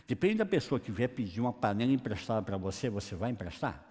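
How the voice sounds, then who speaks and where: A man preaching a lively sermon in a colloquial, joking way, acting out Bible scenes. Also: lowish voice, fast talker, breathy edge. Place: church hall. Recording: long church-hall reverb.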